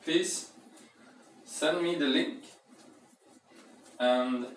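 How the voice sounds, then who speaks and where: Slow, rambling young man in an echoey kitchen. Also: fairly high pitch. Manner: rambling, playful, thinks aloud with hums. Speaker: home cooking vlogger. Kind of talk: casual cooking chat. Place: home kitchen, indoors. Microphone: camera across the room. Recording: echoey room, voice from far off.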